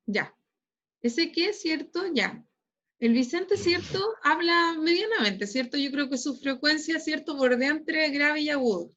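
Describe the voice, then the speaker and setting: A Chilean woman teaches physics over a video call, explaining step by step and checking in with her class after almost every phrase. Her voice sits high, and the computer mic makes it sound dull and lo-fi. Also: expressive, measured pace, a bit bright. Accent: Chilean Spanish. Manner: explains patiently, constantly tags phrases with "¿cierto?". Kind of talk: online class lecture.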